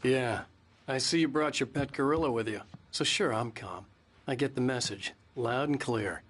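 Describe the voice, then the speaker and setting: A man's voice: medium pitch, moderate pace, lightly acted. An actor playing a haunted, sardonic writer who narrates his own thriller in a video game, wry and dramatic. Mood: sarcastic. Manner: wry, sarcastic. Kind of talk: dramatic first-person game narration and dialogue. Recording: loud music behind.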